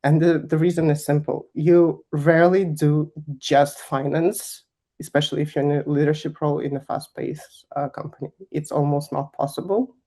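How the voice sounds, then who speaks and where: This young adult woman from Kazakhstan, interviewed as a finance executive, has a low, mellow voice with a steady tone at a moderate pace. Her answers are candid and emphatic, punctuated by frequent laughter.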